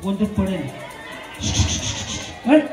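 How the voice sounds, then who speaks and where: A man hosting a quiz for women at a festival event, loud and teasing, scolding noisy people in the crowd through a stage mic. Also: sits high, very animated, slow pace. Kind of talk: live event emceeing over a PA. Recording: echoey PA with music and crowd.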